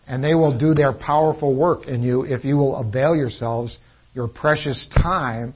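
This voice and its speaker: A man's voice: a little high, breathy edge. A man preaching a sermon in an earnest teaching tone, often restarting his sentences. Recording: dull lo-fi recording.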